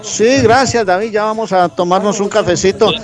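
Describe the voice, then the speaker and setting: A man reporting live on location for a radio show, lively as he coaxes people over to interview them. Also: sits high, moderate pace, faint music behind. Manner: lively, coaxing guests.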